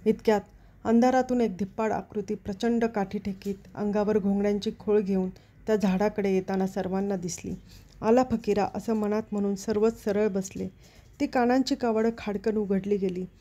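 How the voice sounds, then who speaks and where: A woman storyteller reading a novel aloud in a steady, expressive literary narration. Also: medium pitch, normal speed. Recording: dull lo-fi recording.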